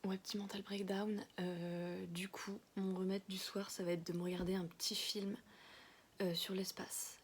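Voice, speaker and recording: A woman's voice: on the low side, slight background noise. A woman in her twenties chatting casually as a vlogger, her speech subdued and labored from a sore mouth after wisdom teeth removal. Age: 20s. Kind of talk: casual chat to camera.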